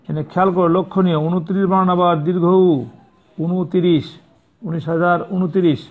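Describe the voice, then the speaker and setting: High-voiced male math teacher, tinny sound. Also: level tone, a little fast. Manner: patient, repeats and corrects pronunciation. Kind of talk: classroom lesson.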